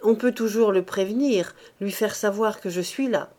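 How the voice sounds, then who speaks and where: Calm priest, read by a woman. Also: mid-range voice, moderate pace, close to an everyday voice. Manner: calm, even, respectful. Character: calm, cold, ambitious male priest.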